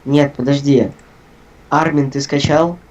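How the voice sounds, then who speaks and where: A man pranking people over a voice call, with a calm, teasing, deadpan manner. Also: medium pitch, measured pace, slight background noise. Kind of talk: prank voice chat. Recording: muffled voice chat audio.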